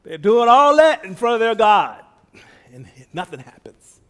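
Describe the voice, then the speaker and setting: A middle-aged male preacher with a slightly higher voice delivers a conversational sermon to his congregation in a folksy, unhurried way. At rest he's soft-spoken, but his voice climbs into excited shouts of praise.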